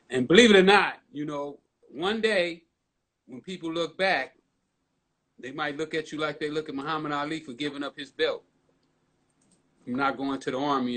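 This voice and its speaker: A man interviewing a guest over a video call, encouraging her and quick to laugh. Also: fairly high pitch, a bit bright. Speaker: interviewer host. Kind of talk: casual interview.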